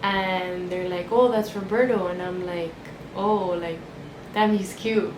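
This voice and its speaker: A woman's voice: lowish voice, steady tone, slow. 20 yr old woman from miami vlogging, says like a lot, roomy sound with some noise behind. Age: 20s. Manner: chatty, uses "like" a lot. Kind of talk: casual chat to camera. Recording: echoey room with background noise.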